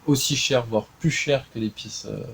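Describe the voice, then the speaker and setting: Man, casual garage walkaround, chatty and halting, noisy phone audio. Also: mid-range voice, gravelly, a bit bright. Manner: chatty, hesitant with many fillers, pointing things out. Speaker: car enthusiast showing his car. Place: garage, in and around a car.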